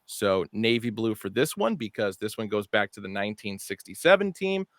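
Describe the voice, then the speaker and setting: A man co-hosting a casual online show about new hats, chatty and animated, often correcting himself mid-sentence. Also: on the low side, moderate pace, no room sound, clean studio sound. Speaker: co-host presenting hats. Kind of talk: casual product show talk.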